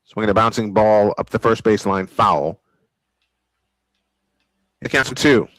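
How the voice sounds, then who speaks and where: Working from a small home-style studio, an American play-by-play man calls baseball live in an old-school broadcast style, dropping casual asides between calls. He speaks a little slowly in a lowish voice with a fairly bright tone, recorded dry.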